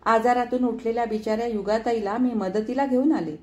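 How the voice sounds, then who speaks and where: Lady doing a chatty young mom in a story, amused, high pitched. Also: fairly even intonation, a little fast, mellow, lightly acted. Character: young mother, fond and chatty.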